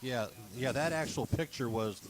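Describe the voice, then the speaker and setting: Speaking at normal speed in a medium-pitched voice, a man representing a bat company gives a casual broadcast interview, peppering his talk with "you know" and "um" as crowd noise sounds behind him.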